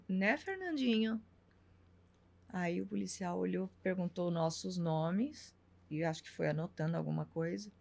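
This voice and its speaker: Paulista woman in her middle years, low gravelly voice, tells her story like she's acting it out. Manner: animated storytelling, acting out quoted dialogue. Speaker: interview guest. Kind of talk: personal storytelling in a talk show.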